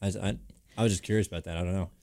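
A man's voice: sits low, fairly even intonation, very fast, vocal fry, mellow, dry recording, clean studio sound. A man co-hosting a talk show in casual, rambling, slangy banter.

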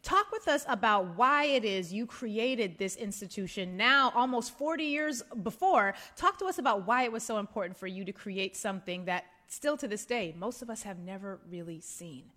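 Bright-voiced, effusive woman radio host. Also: mid-range voice, animated, normal speed, hardly any pauses. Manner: effusive, smiling, laughs often. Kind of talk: warm on-air introduction and interview.

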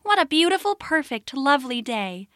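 Woman voicing a small timid storybook rabbit, high squeaky pitch, pleading tone, dry close sound. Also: sing-song, normal speed, fairly bright tone, no room sound. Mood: cheerful.

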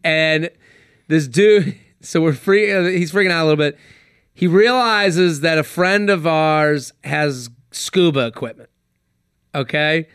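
A man, a comedian guest on a podcast, telling a story in casual chat, animated and swearing freely. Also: fairly high pitch, measured pace, clear, resonant tone, no echo, clean studio sound.

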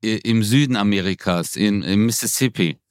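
A man's voice: fairly low pitch, moderate pace, clear, resonant tone, no room sound, clean studio sound. A man co-hosting a podcast in casual chat, joking around and slipping into mock English voices. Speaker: podcast co-host.

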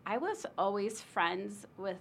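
A chatty woman from Illinois, talking casually as an interview guest. Her pitch sits in the middle range. She keeps filling her sentences with ums and you knows. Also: lively intonation, takes it slowly, gravelly, a little hiss or hum. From Illinois, United States. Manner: chatty, many fillers like um and you know. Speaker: international admissions recruiter.

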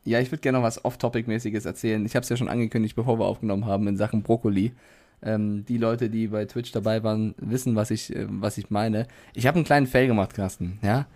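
A man's voice: lowish voice, fairly even intonation, fast talker, darkish tone. Self-mocking man telling anecdotes. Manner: self-mocking anecdote teller, laughs a lot. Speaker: podcast co-host. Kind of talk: casual chat.

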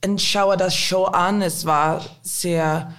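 A woman in her twenties with a Dutch accent, answering casually as a guest and haltingly searching for words. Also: lowish voice, fairly even intonation, a bit bright. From Netherlands. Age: 20s. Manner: halting, searching for words in a newly learned language. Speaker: guest, model. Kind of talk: casual interview chat.

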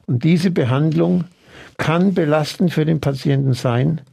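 A man with a gravelly, mellow voice explains his treatment methods in an interview. He talks earnestly and at a measured pace, his pitch sitting a little above the usual for a man. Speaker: osteopathic practitioner.

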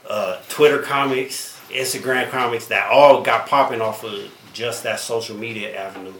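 A man in his thirties, a comedian guest, talks in a relaxed drawl with slang, often trailing off mid-thought. His voice sits at a middling pitch. The room is echoey, with a faint hiss behind him. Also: moderate pace. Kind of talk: casual podcast chat.

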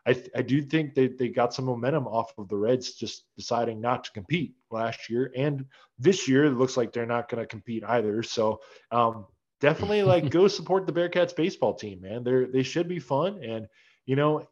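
A man's voice: medium pitch, moderate pace. Laid-back guy, dull lo-fi audio. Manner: laid-back, filler-heavy rambling. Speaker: podcast host. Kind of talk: casual sports chat.

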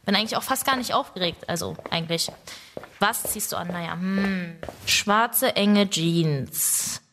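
A woman's voice: medium pitch, measured pace, a bit bright, a little hiss or hum. A young woman telling a comic story about her first date, chattering nervously to herself in a self-mocking way. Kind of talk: comedic first-person story with inner monologue.

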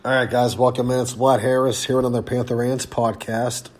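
A man hosting a casual sports podcast, congested and hoarse, rambling and halting with fillers. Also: mid-range voice, little pitch movement. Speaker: podcast host.

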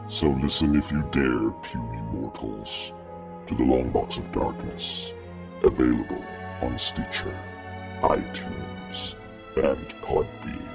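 A man playing a creepy, menacing horror host in a theatrical podcast promo, with a gravelly voice. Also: rumbling low, slow pace, heavily acted. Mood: menacing, taunting. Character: creepy male horror host taunting mortals. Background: music.

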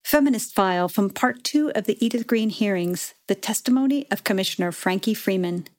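A woman hosting and narrating a documentary podcast in a measured, clear storytelling manner. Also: medium pitch, lively intonation, slight background noise. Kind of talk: scripted narration.

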